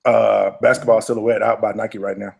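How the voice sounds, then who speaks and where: A man's voice: on the low side, level tone, moderate pace, gravelly, a little mellow, dull audio. A man ribbing his co-hosts playfully in a casual sneaker chat.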